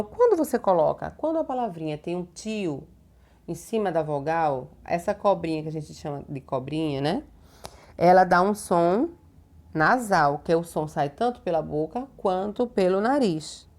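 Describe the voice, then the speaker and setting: A Brazilian woman who teaches primary school records a homework lesson for young children. Her voice is slightly low and darkish, with a Brazilian Portuguese accent. She speaks slowly, patiently and didactically, drawing words out and using lots of diminutives and checking tags.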